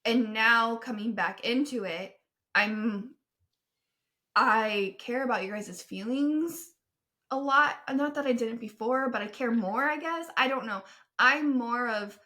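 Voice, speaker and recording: A woman's voice: a little high, takes it slowly, bright, forceful tone. A woman in her forties co-hosting a casual podcast chat, rambling and self-deprecating, laughing often. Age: 40s. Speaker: podcast co-host.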